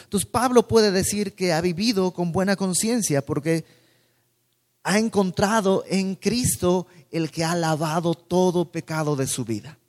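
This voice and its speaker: A man preaching a sermon in a calm teaching tone, posing rhetorical questions to his listeners. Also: high voice, measured pace. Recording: long hall reverb.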